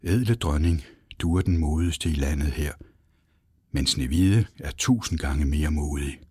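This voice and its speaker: A solemn magic mirror from a storybook that answers in formal, measured words, as a male narrator speaks it. The voice is deep and husky, recorded dry and close. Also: dark tone, no echo, heavily acted.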